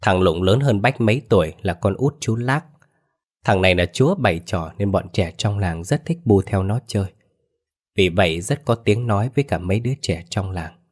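A man narrating a ghost story in a folksy, lively storytelling manner. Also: on the low side, moderate pace, husky.

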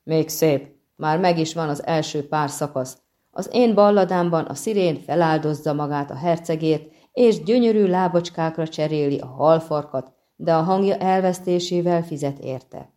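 A chatty, wistful bard muses aloud, as a woman reader voices him. The storybook voice stays low and mellow. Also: lightly acted. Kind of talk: audiobook reading.

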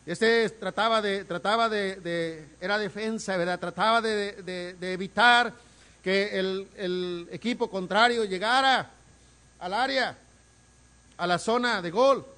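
High-voiced preaching pastor. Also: male voice, unhurried, smooth. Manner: preaching with swings from soft asides to loud emphatic calls; repeats words for emphasis. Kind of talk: sermon.

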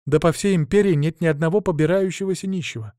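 A man's voice: fairly high pitch, fast talker, warm tone, dry recording, studio quality, voice pushed up, lightly acted. A man voicing a proud, stern woman who is a battle priestess, lecturing righteously in an audiobook. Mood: sorrowful.

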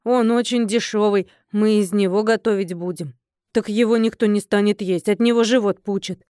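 A woman voicing a stingy, grumbling middle-aged innkeeper in an audiobook, indignant and quick to complain. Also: medium pitch, fairly even intonation, warm tone, smooth, no room sound, studio quality, lightly acted. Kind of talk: audiobook character voice.

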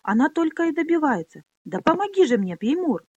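A woman's voice: high voice, big pitch swings, brisk, darkish tone, no echo, lo-fi sound, voice pushed up. An anxious, pleading young girl, as a woman reader puts her on, raised and urgent above the reader's voice. Dry, close storybook sound.

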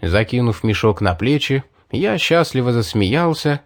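A man reading a first-person fantasy audiobook in an even, measured narrating voice. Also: mid-range voice, dry recording, clean studio sound.

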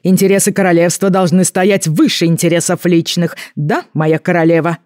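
A woman's voice: on the low side, flat delivery, moderate pace, a little mellow, dry recording, clean studio sound, close to an everyday voice. A woman reading an audiobook, voicing a scheming male court adviser who speaks urgently and pointedly. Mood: insistent. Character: scheming male royal adviser, smooth and insistent.

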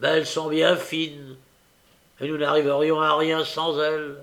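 A man reading an audiobook, voicing a sly old male fence who coaxes and stammers to calm others. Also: a little high, unhurried. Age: older. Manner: stammering, coaxing, placating. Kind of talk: audiobook character voice.

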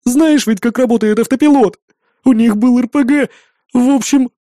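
A man voicing a frightened young male sidekick near tears, talking in rushed, broken sentences. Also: very high voice, dark tone, no room sound, studio quality, voice pushed up. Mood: panicked.

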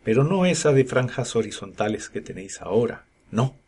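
Grim old carter in an audiobook, read by a man, low and husky. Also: expressive, a little mellow. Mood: gloomy. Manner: hoarse, gloomy and slow. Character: gruff old male Scottish cart driver.

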